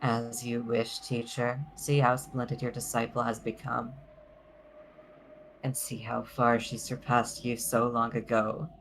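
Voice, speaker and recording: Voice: medium pitch, monotone, measured pace, fairly bright tone, a little hiss or hum, poor audio. A performer voicing a proud young witch as a taunting, grandiose anime rival in an amateur visual novel dub. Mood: smug. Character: proud young witch, mocking rival of her former teacher.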